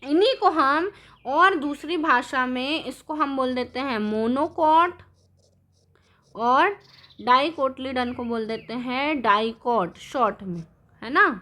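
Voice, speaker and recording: A woman's voice: sits high, a little slow, sharp tone. A woman teaching a science lesson, drawing on the board, asking the class questions and answering them herself, with English terms mixed in. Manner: mixes English terms into Hindi.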